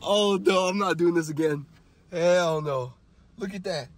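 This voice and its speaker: This male voice sits high and moves at a measured pace. He's a young man in a car wash, recording a casual vlog from his truck on a handheld phone and talking to viewers between nervous yelps and laughs.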